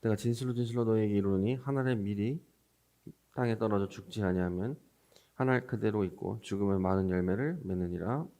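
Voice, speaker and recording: In a Sunday sermon that includes scripture reading, a male pastor unpacks the passage in a conversational way, asking his audience questions. He speaks fairly quickly in a lowish, mellow voice.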